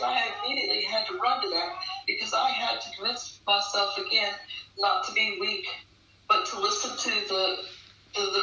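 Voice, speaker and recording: A woman's voice: medium pitch, sharp tone. A woman giving earnest personal testimony in conversation, speaking emphatically and repeating phrases for stress. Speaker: guest recounting a personal experience. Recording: echoey, distant, dull online call with faint noise.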